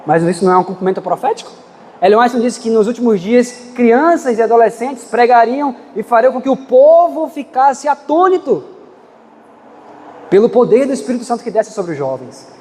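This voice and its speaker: A man's voice: very high voice, animated, moderate pace, a little mellow, in a large hall, a little hiss or hum. A man preaching a sermon in a church, impassioned, with dramatic swings in pace and emphasis.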